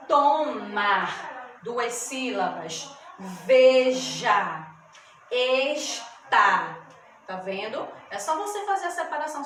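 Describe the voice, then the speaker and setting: A woman teacher giving a lesson to children, stretching out words syllable by syllable and often checking that they follow. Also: a little high. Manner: slow, drawn-out syllables, checks in with "tá bom?". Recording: echoey room, mic at a distance, background noise.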